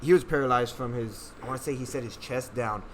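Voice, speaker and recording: A man's voice: medium pitch, quick pace. Young man, mid-range voice, laid-back podcast chatter, light swearing, faint hiss behind. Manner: relaxed, many "like" fillers, casual swearing. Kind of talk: casual podcast chat.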